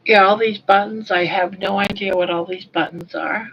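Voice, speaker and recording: An older woman with soft, toothless articulation from a sore mouth, chatting casually and a little self-consciously on a livestream in a rambling way. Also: medium pitch, fairly even intonation, normal speed, gravelly, slightly rough. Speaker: livestream host. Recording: dull lo-fi webcam or phone audio.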